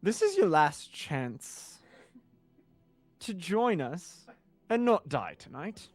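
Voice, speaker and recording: Man playing a slow-talking, cocky adventurer. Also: sits high, very animated, fairly bright tone, no echo, soft background music, full character voice. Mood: menacing. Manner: boastful, unhurried, blunt. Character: cocky, battle-worn adventurer, brazen and confident.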